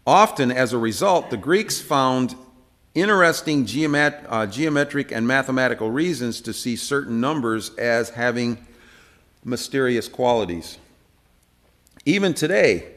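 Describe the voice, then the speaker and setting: A man teaching an informal church Bible study, talking conversationally with many fillers and asking the room questions. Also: mid-range voice. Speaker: preacher teaching a Bible class.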